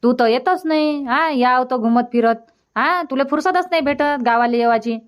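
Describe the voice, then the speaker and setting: In a cartoon comedy, a woman plays an older village mother who nags fondly and gently, speaking colloquially and insistently with a rural Vidarbha Marathi accent. Her voice is high and the delivery lightly acted, at a moderate pace with a clean tone.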